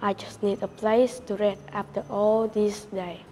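A woman's voice: mid-range voice, fairly even intonation, measured pace, mellow, soft background music, lightly acted. A woman doing a weary old man. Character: tired old man seeking rest.

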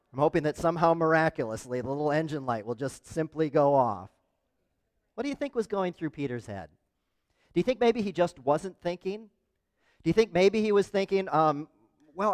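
A man's voice: a little high, no echo, in a large hall. A man preaching a sermon as pastor, retelling a story and putting questions to his congregation. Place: church sanctuary.

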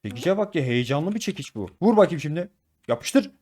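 A man giving excitable live gameplay commentary as a gaming YouTuber, talking to his viewers as friends and repeating words in sudden bursts. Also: on the high side, a little fast, breathy edge.

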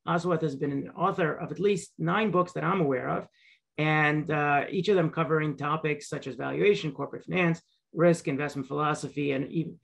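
A man's voice: on the high side, gravelly, low-quality recording. A young man hosting an interview over a video call from a home library, giving a formal introduction and asking questions, sometimes restarting them. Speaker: host. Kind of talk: interview host.

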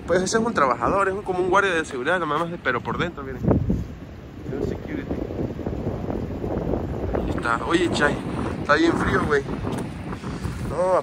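A young man with a Mexican accent, casually vlogging outdoors by the sea, slangy and joking as he walks along a border wall. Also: a little high. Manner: slangy, joking, talks to viewers while walking. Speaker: vlogger host. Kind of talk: casual on-location vlog. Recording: windy outdoor recording with crashing waves. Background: wind and surf.

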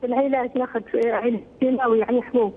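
A woman caller asks her question haltingly and repeats herself, heard over a choppy, low-quality phone line that breaks up. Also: steady tone, slightly rough. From Libya. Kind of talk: call-in question to a radio show. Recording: tinny, breaking-up phone line with faint hiss.

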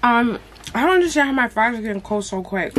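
A young woman chats casually while eating on camera at home for her mukbang vlog, blunt and full of slang. Her voice is on the high side, expressive and fast, with a fairly bright tone and a little hiss or hum in the recording.

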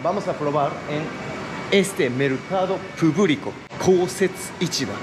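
A man speaking through a face mask as he hosts a casual food-tasting travel vlog at a street market, talking slowly and addressing his viewers. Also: fairly high pitch. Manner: slow, unhurried talk addressed to viewers. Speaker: travel vlogger. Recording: loud outdoor street noise.

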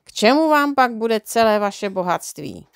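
A woman's voice: fairly high pitch, sing-song, vocal fry, clean tone, no echo, studio quality. A woman voicing a sly, persuasive male swindler, drawing her words out sweetly as she reads a children's storybook.

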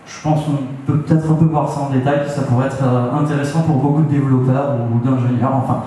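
A man's voice: mid-range voice, steady tone, a little fast, warm tone, distant mic, a little hiss or hum. Young man, hesitant talk, echoey room. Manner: hesitant, many fillers and restarts. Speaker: meetup speaker. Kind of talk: presentation talk. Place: meeting room with audience. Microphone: handheld microphone.

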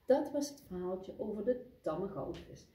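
A woman's voice: medium pitch, animated, moderate pace, warm tone. A woman teaching a vocabulary lesson to young pupils, patient and explaining, recorded in a classroom. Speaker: primary school teacher. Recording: echoey classroom from far off.

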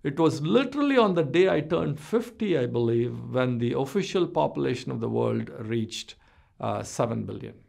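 A business professor in his sixties gives a recorded lecture over slides. His gravelly voice sits at an ordinary middle pitch, animated yet a little mellow, and he explains at a measured pace, letting his phrase endings drop away.

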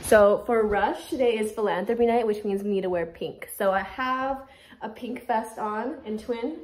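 A sorority rush chair in college, this young woman vlogs casually on a handheld phone held at arm's length, sounding bubbly and girly. She speaks at a normal speed in a fairly high voice, amid room and street noise.

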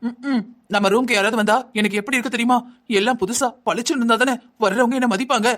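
Man doing a cartoon young wife, envious, nagging, whining, high voice, fast talk. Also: fairly even intonation, fairly bright tone. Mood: complaining. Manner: nagging, whining, quick and insistent. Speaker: wife in a cartoon family drama. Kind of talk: Tamil cartoon voice acting.

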